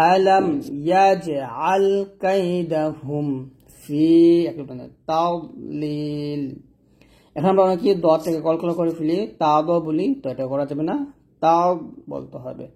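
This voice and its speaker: A patient male Quran teacher, his voice mellow and dark. He talks very slowly, spelling out every syllable and chanting each verse again and again. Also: fairly high pitch. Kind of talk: slow spelled-out Quran reading lesson.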